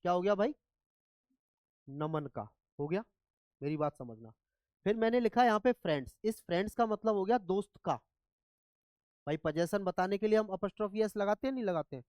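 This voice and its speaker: A man's voice: sits high, animated, a little fast, long pauses, a little mellow, dry recording. A man teaching English grammar in a classroom lecture, often checking whether students follow. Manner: asks students repeatedly if they follow.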